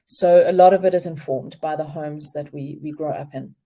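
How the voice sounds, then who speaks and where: A woman speaking as a relationship expert on a video call, explaining in a calm, measured way. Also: low voice. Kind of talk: remote interview, explaining.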